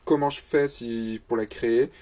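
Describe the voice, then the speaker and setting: A man's voice: medium pitch, fairly even intonation, normal speed, warm tone. A man, a photographer and the show's host, answers viewer questions in a casual vlog, joking and mocking himself in a loose, chatty way.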